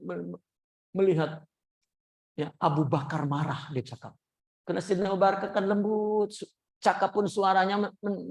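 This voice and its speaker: Lively man preaching. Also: vocal fry. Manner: lively storyteller acting out quoted voices with big pitch jumps. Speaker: religious teacher. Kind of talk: sermon storytelling.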